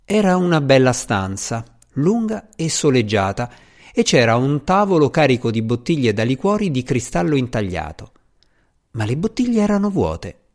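A man narrating a novel in a measured storytelling delivery. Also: mid-range voice, very animated, darkish tone. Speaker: audiobook narrator. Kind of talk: scripted narration.

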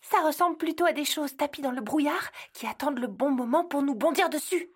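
A woman voices an anxious, cautious female Christmas elf who frets constantly, pitching her very high voice above her own natural range. She sounds worried and expressive, speaking at a normal speed.

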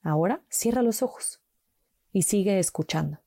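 A woman slowly guiding a mindfulness walk with calm, gentle instructions and long pauses. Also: mid-range voice, breathy edge, dry recording, clean studio sound. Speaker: meditation guide.

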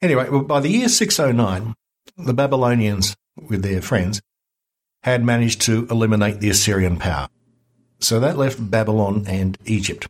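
A man guest on a history podcast, explaining events in a lively, wry conversational way. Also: lowish voice, moderate pace. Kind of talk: casual history chat.

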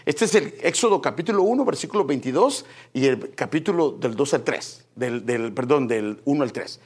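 A man's voice: mid-range voice, animated, moderate pace, slightly rough. A man preaching a sermon, emphatic, often addressing his listeners as brother.

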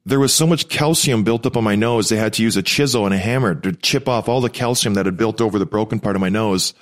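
A man's voice: fairly low pitch, fast talker. A man chatting casually and telling rambling stories, breathing through his mouth because of a broken, blocked nose. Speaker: podcast co-host, former pro hockey player. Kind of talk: casual chat, personal storytelling.

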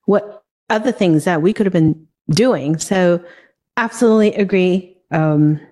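A woman from Hong Kong hosting a podcast, speaking in an animated way and acting out bits of quoted conversation. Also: lowish voice, unhurried. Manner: animated, acts out quoted dialogue. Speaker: podcast host. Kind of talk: casual podcast interview.

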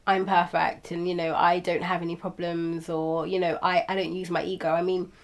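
A woman's voice: on the low side, flat delivery, moderate pace. A woman in a casual philosophical chat, asking questions and weighing ideas conversationally. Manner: questioning, conversational, uses fillers.

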